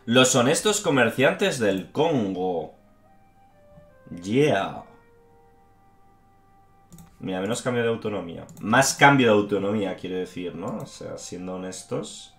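A man's voice: lowish voice, lively intonation, unhurried, gravelly, long pauses, echoey room, soft background music. Swearing Spanish man in game commentary. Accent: Spain Spanish. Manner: frustrated, swears a lot, says "tío". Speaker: gaming YouTuber. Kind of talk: gameplay commentary.

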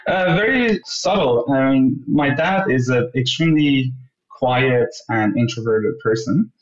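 This man in his thirties is from Iran and speaks Persian as his first language. He's a guest in a casual interview, talking earnestly at a measured pace with a medium-pitched, animated voice and frequent "you know"s. The audio comes over a roomy, dull lo-fi remote line.

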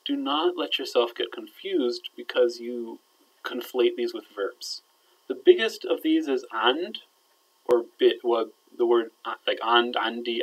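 A male teacher walks students through a grammar lesson in an explanatory, conversational way. He keeps checking that they follow, and his phrases sink quietly at the ends. His voice sits at an ordinary middle pitch. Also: rough recording. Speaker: Arabic teacher. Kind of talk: recorded grammar lecture.

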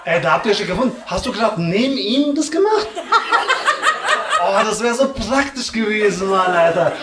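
A male comedian works the crowd in a loose, slangy, teasing way. His voice sits high and carries a roomy echo from the club. A loud hiss and clicks run under the recording. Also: lively intonation, normal speed. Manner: slangy and teasing, drops "Alter" and "Digga" constantly. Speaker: stand-up comedian. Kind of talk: live stand-up crowd work. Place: comedy club stage before a live audience.

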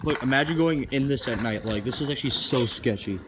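Young male vlogger, nervous and slangy, mid-pitched, noisy handheld phone sound. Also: a little fast. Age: young adult. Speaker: vlog host. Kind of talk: casual exploring vlog narration.

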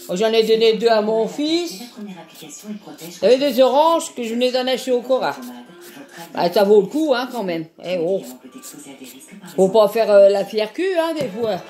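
Peeling vegetables for her home cooking vlog, an older woman from France talks in an earthy, chatty way, sprinkling in asides and an ever-present "hein." Her slightly high, mellow voice has lively intonation and a measured pace with frequent pauses, and faint music plays behind her.

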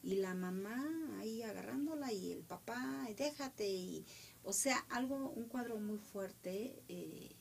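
A middle-aged woman with a Mexican accent telling a story with emotion, now loud, now dropping to a whisper. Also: medium pitch, slow pace, vocal fry, slight background noise. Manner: animated, drops to whispers.

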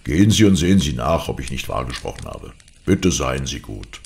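A man reading an audiobook aloud, voicing a cold, threatening villain in a slow, menacing way. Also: rumbling low, big pitch swings, creaky, darkish tone, slight background noise, heavily acted.

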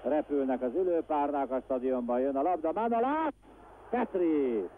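A man giving excitable, exclamatory live football commentary, openly rooting for his side. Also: medium pitch. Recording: tinny phone-like archive broadcast, noisy.

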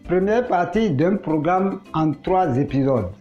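Broadcast announcer, dark warm tone, unhurried and formal; lo-fi recording with soft music behind. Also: mid-range voice, lively intonation. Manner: measured, formal delivery. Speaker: program announcer. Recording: dull lo-fi broadcast audio over music.

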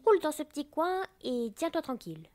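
A woman's voice: high voice, sing-song, fairly quick, darkish tone, voice pushed up. Woman putting on a bossy anemone flower. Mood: curt. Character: bossy female anemone flower, curt and sleepy. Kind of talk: storybook reading.

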